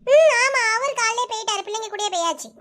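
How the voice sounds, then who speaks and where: A woman's voice: very high-pitched, animated. Woman voicing a bossy village neighbor. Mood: eager. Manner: fast, sharp scolding. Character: brisk young village neighbor woman, bossy but caring. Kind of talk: cartoon voice-over.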